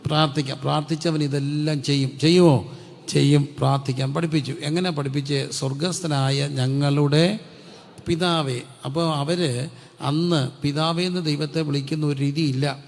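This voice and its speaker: Gravelly preacher in a reverberant hall. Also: male voice, a little high, fairly even intonation, moderate pace. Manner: call-and-response preaching, repeating questions to the congregation. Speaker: pastor. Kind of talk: Pentecostal sermon.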